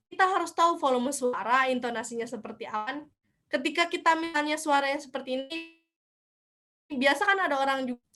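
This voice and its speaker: A woman's voice: high-pitched, bright, forceful tone. A young woman giving a casual online lecture, chatty, asking herself questions and answering them. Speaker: speaker at a student seminar.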